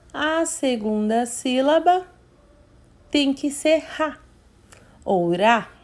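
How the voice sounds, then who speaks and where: A woman's voice: medium pitch, a little mellow. Patient woman teacher, syllables. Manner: slow, patient, sounding out syllables. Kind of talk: remote literacy lesson for young children.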